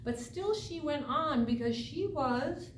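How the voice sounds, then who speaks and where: A woman telling a folk tale aloud as a live storyteller, dramatic and deliberate, with emphatic phrases and pauses. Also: high voice, animated. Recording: echoey, distant mic, noisy room ambience.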